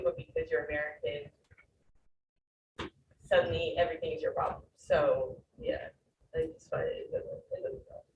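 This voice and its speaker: A woman on a student panel, chatting casually with lots of fillers. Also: fairly low pitch. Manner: chatty, relaxed, many fillers. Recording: echoey room, distant mic, background noise.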